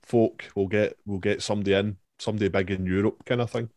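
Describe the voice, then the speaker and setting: A Scottish man with a lowish voice chats casually, stopping often for ums and uhs. His voice sounds dry and close to the mic. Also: fairly even intonation, quick pace, a little mellow, no room sound. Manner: hesitant, many ums and uhs. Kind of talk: casual chat.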